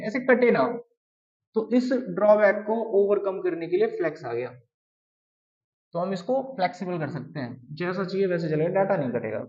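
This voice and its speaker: A man's voice: sits high, a little mellow. A man teaching web design step by step in a conversational tone, often asking his students questions. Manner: conversational, asks the class questions. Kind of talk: live coding tutorial. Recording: distant mic, dull lo-fi sound.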